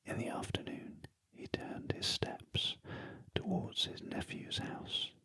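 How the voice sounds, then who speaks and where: A British man reading a story aloud in a very soft, breathy ASMR whisper, gently and deliberately, close to the ear. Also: no echo. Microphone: close ASMR microphone, ear to ear.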